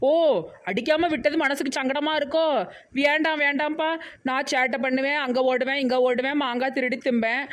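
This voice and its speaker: A woman's voice: high-pitched, little pitch movement, brisk, a bit bright. A woman voicing a mischievous, playful young teacher in a cartoon, with a Tirunelveli Tamil accent and a teasing, sarcastic manner. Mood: sarcastic sulking.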